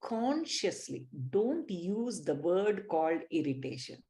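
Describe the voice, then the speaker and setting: A woman's voice: fairly low pitch, very animated, slow, dark tone. A woman with an Indian English accent leading a live online spiritual class, speaking emphatically and addressing her listeners directly. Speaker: spiritual teacher.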